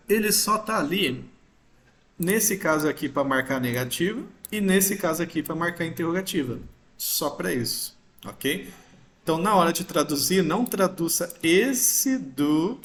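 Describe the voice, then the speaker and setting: A man's voice: on the high side, a bit bright. A man teaching a grammar lesson, patiently explaining step by step and checking in with his listeners often. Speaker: English teacher. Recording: roomy echo.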